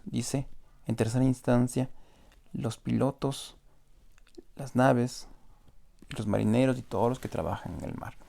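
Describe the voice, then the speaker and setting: A man's voice: fairly low pitch, vocal fry, warm tone. A man preaching a sermon, explaining scripture verse by verse and often tagging lines with a questioning "no?". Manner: explanatory, asks rhetorical "¿no?" often.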